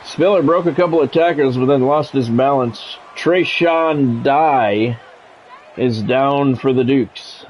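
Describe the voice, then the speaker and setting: A man with a mid-range, darkish voice speaks slowly, giving play-by-play of a football video game on a live stream between bits of plain-spoken, grumbling chat. The low-quality recording has a little hiss or hum.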